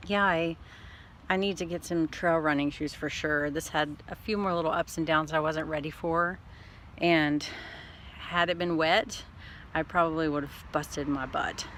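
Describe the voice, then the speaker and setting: A woman's voice: sits low, fairly even intonation, a little slow, fairly bright tone, slight background noise. A woman chatting casually in a rambling, upbeat, self-deprecating way, like a trail running vlogger talking to her followers. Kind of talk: casual vlog chat to camera.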